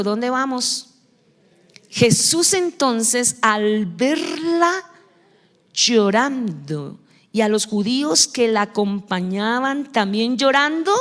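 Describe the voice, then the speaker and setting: Brief: Colombian woman pastor, highish voice, animated sermon storytelling, long church reverb. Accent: Colombian Spanish. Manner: lively storytelling preacher, acts out quoted voices. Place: church hall.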